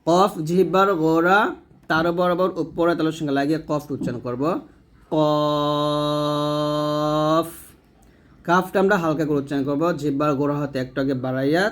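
Male teacher, fairly high voice, patient step-by-step pronunciation lesson, models each sound aloud. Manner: explains slowly, models each letter sound, repeats it. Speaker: Quran recitation teacher.

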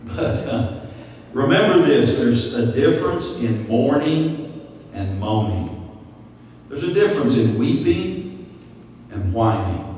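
A man, preaching a sermon at a stand mic in a church, animated, with sudden high-pitched voices for the people he quotes. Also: slow pace, long pauses, far from the mic, a little hiss or hum. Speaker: pastor. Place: church sanctuary. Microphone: stand mic at lectern. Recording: echoey hall, from off-mic.

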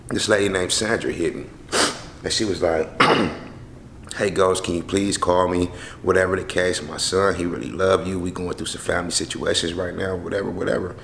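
A young man telling a story casually to a handheld camera in and around his house, slangy and animated, acting out the people he quotes. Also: low voice, gravelly, slight background noise. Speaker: vlogger. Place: house interior and front porch. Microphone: handheld camera close to face.

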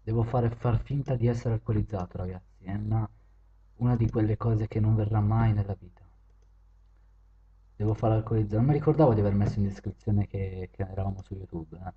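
A man chatting with viewers and strangers on random video chat, joking and teasing, switching from loud greetings to low mutters. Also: steady tone, brisk, phone-quality sound.

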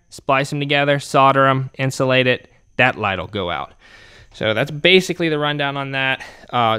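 In his workshop, the channel host chats casually through a repair job, hands busy the whole time. He speaks at medium pitch in a pushed, bright, smooth voice.

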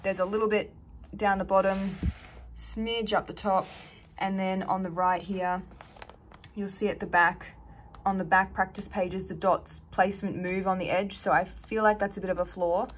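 A woman's voice: mid-range voice, flat delivery, moderate pace, a little hiss or hum. A woman giving a casual review with frank, chatty opinions that she often hedges. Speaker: planner reviewer.

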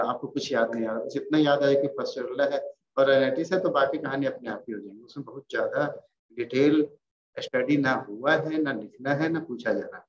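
A man with a Bihari Hindi accent giving an informal veterinary pathology lecture, reassuring and repeating key terms. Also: mid-range voice. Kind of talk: classroom lecture. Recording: roomy, dull, faintly noisy lecture recording.

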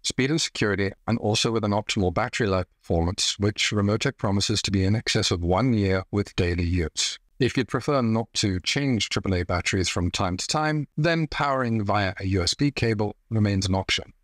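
A man in his thirties hosting a scripted tech explainer from a room at home, with a measured, dry-humored delivery. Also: lowish voice, dry recording. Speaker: tech reviewer host.

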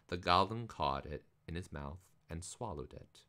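A man reading a picture book aloud live, in an expressive, theatrical way. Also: low voice, normal speed. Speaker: reader.

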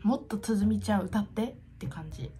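A woman in her twenties chats casually to camera in an expressive, gushing and self-deprecating way, as a YouTuber in a room at home. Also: mid-range voice, fast talker, husky. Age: 20s. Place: small home room, indoors.

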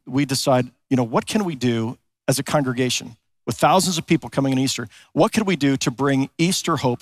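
A man's voice: on the high side, no echo. Earnest man preaching a sermon. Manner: earnest preaching, slows for emphasis, rhetorical questions. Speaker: pastor. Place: large church sanctuary.

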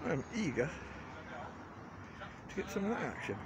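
A man in his forties rambles casually while vlogging around a garden, phone at arm's length, in a chatty, dryly understated style. His voice is on the high side and very animated, moving at a moderate pace against background noise.

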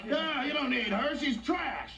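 A pompous, wordy psychiatrist. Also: male voice, very high voice, unhurried, recorded from a distance. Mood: ranting. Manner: pompous, wordy, stammering restarts. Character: pompous fussy male psychiatrist, wordy and refined. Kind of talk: sitcom acting. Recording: roomy echo, off-mic, faint hiss.

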